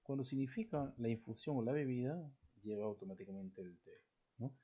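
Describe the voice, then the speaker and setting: Husky-voiced man teaching a grammar lesson. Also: mid-range voice, a little fast, warm tone, dull audio. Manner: explanatory, checks in with rhetorical questions. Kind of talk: recorded language lesson.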